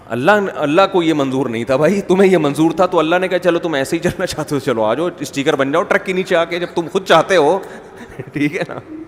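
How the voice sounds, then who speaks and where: Male preacher, fairly high voice, animated storyteller, long hall reverb. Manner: animated storytelling, rhetorical questions, jokes. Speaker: Islamic preacher. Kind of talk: sermon with humorous anecdotes.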